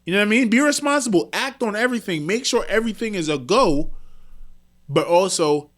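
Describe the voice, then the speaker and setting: A young man co-hosting a podcast, backing up his partner and summing up the point in casual chat. His voice sits a bit higher than most men's. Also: animated, brisk, fairly bright tone. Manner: encouraging, sums up the point. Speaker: podcast co-host.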